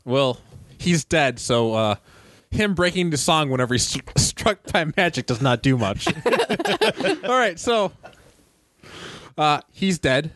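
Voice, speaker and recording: A man's voice: fairly high pitch, wildly swooping pitch, takes it slowly, long pauses, a bit bright, dry recording. A man running a tabletop game as game master, joking and laughing often as he narrates.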